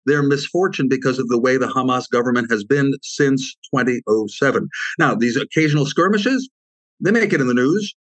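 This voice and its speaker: Male expert guest, mid-pitched, measured and explanatory, dry close mic. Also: lively intonation, dry recording, low-quality recording. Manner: measured, explanatory, with frequent asides. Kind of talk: explanatory interview answer.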